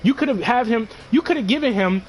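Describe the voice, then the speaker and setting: Excitable high-voiced young man ranting. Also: fast talker. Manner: excited, animated, swears a lot, slangy. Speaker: gaming commentator. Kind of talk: casual gameplay commentary.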